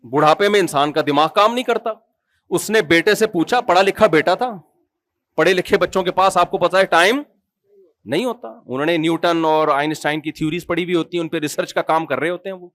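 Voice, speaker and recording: A man's voice: fairly high pitch, no room sound. A man with a Pakistani Urdu accent preaching a sermon, telling humorous stories and asking the audience questions. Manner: humorous, animated storytelling with acted quotes.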